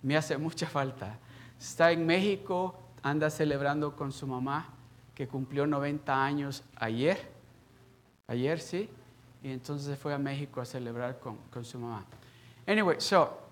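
A middle-aged man delivers a sermon from the pulpit, mostly talking in a relaxed, storytelling way. His voice sits at an ordinary middle pitch. He keeps breaking into loud, forceful, drawn-out preaching for emphasis. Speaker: pastor.

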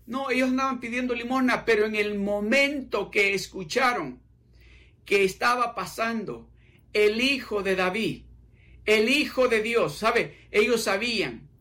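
High, bright-voiced preaching pastor. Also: male voice, measured pace. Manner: fervent, repetitive preaching. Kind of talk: sermon.

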